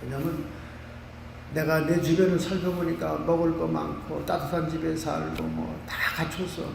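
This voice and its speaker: A high-voiced Korean man preaching an animated sermon, caught by a mic set back from him. His voice rings through a roomy church hall with a long tail of reverb and a faint hiss underneath. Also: normal speed, creaky, recorded from a distance. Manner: animated preaching with vivid everyday examples. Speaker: pastor. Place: church sanctuary.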